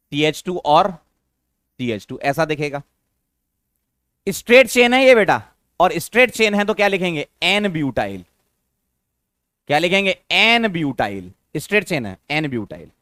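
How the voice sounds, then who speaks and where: A man's voice: on the high side, pushed and bright, clean tone, no room sound, studio quality. A man teaching a chemistry lesson, coaxing his students with questions and repeating the key terms. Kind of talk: classroom lecture.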